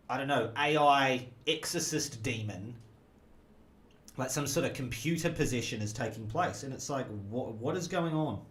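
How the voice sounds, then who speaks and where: Rambling guy gaming chat. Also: medium pitch. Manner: rambling, goes off on tangents, jokey. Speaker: gaming streamer.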